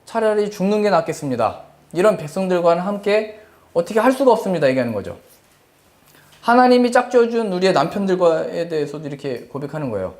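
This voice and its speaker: Male pastor preaching, fairly high pitch, earnest, acts out quotes. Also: big pitch swings, fast, darkish tone. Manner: earnest, quotes scripture and people in acted asides. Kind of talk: sermon.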